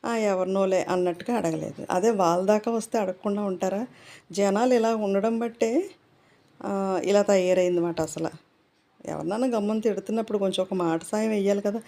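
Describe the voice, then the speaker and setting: A woman's voice: mid-range voice, normal speed, vocal fry, mellow. A middle-aged woman vlogger chatting casually to her viewers, rambling with many fillers. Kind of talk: casual chat.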